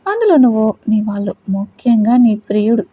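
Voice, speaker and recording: A woman's voice: on the high side, very animated, fairly quick, breathy edge, highs cut off. A woman voicing a cruel, scheming mother-in-law who taunts and gloats. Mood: gloating. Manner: taunting, contemptuous.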